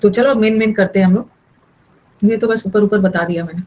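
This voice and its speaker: A young woman with a dark-toned, mid-range voice teaches an online English grammar class at a brisk pace. The recording is rough, and she mixes her explanations with chatty, scolding asides to her students.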